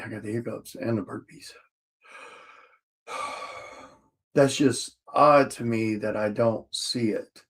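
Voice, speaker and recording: Tired man muttering through orders. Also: mid-range voice. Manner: mutters to himself while reading out order items. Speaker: comic artist streaming while packing orders. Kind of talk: casual livestream chat.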